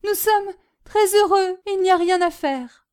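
A woman doing an excitable devoted maidservant. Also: very high voice, moderate pace, voice pushed up. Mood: tearful. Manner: emotional, exclaiming.

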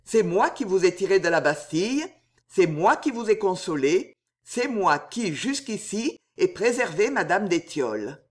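A reader voicing a calm, authoritative older male stranger in a swashbuckling audiobook, speaking with measured command. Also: mid-range voice.

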